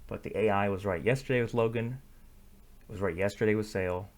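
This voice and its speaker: A man's voice: lowish voice, brisk. A young man hosting sports betting picks, thinking aloud in casual commentary, often correcting himself. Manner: thinking aloud, self-correcting, filler-heavy. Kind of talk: casual screen-share commentary.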